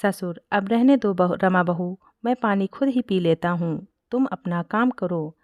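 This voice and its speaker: A woman voicing a gentle, patient elderly father-in-law in a read-aloud family story. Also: on the low side, unhurried, no echo, close to an everyday voice. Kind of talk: storybook character reading.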